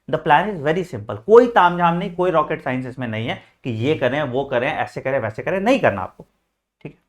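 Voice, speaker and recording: A man with a somewhat high voice gives students study advice in a casual lesson. He is direct and teacherly, checks in often to confirm they follow, and drops in English phrases. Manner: frequent "theek hai" check-ins, addresses students as beta. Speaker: exam coaching teacher.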